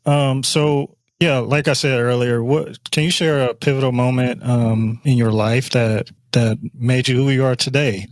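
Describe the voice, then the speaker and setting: A man's voice: mid-range voice, fairly even intonation, measured pace, hardly any pauses, dry recording. A man hosting an interview, asking earnest, reflective questions and sharing his own experience as a veteran. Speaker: podcast host, veteran. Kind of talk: interview conversation.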